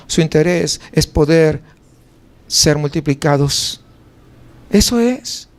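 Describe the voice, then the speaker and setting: High-voiced Mexican pastor preaching. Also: male voice, clear, resonant tone. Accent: Mexican Spanish. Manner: conversational preaching with rhetorical questions and sudden emphatic rises. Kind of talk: sermon.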